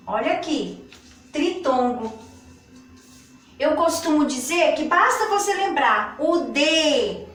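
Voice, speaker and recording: Speaking slowly and patiently and stretching her words, a high-pitched woman with a Brazilian Portuguese accent teaches a grammar lesson for children. The recording sounds echoey, with her positioned far from the microphone.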